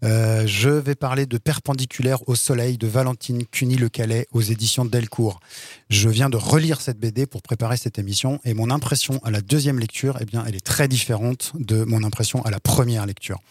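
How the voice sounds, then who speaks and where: A man's voice: medium pitch, fairly even intonation, fairly quick, a little mellow, breathy edge, no echo, clean studio sound. A man hosting a comics podcast, talking earnestly and measuredly about a book. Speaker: podcast host. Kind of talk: casual chat.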